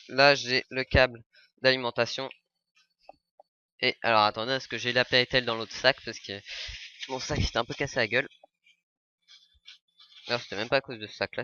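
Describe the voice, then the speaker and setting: A man talks casually into a webcam in a small room, rambling and filling pauses as he goes. His voice is bright and close, with a dry sound. The webcam mic gives it a dull, lo-fi quality. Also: on the low side, no echo. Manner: chatty, rambling, lots of fillers like "hop" and "donc". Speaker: vlogger showing yard-sale finds. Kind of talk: casual webcam unboxing chat.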